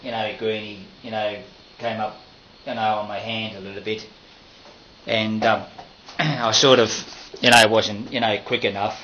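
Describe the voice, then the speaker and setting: A man's voice: fairly low pitch, fairly even intonation, unhurried, sharp tone, muffled recording, slight background noise. A man, talking to a handheld camera outdoors at a house in a rambling home-video vlog full of fillers and restarts. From Australia. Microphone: handheld camera mic.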